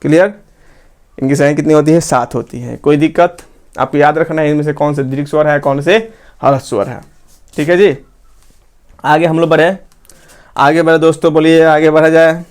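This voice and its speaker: A man teaching a grammar lesson, asking the class questions and answering them himself, and repeating phrases slowly so they can be written down. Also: a little high, fairly even intonation.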